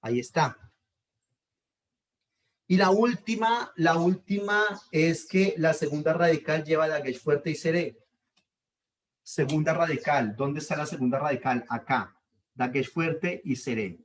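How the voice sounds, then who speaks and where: A man's voice: on the high side, measured pace, long pauses. A male teacher, leading a step-by-step grammar lesson. He patiently repeats each point and checks in with his students.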